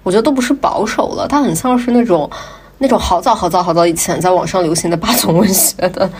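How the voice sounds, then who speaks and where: A woman's voice: lowish voice, fast talker, a little mellow, slightly rough. A woman from southern China chatting casually and giving opinions as a podcast co-host, in colloquial speech peppered with internet slang.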